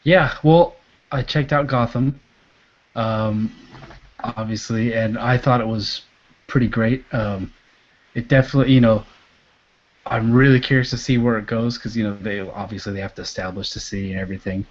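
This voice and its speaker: A man co-hosting a comic book podcast, speaking in a laid-back, hesitant way with many fillers and quiet trailing endings. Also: lowish voice, steady tone, moderate pace. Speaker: podcast co-host. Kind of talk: casual chat. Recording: dull lo-fi podcast audio.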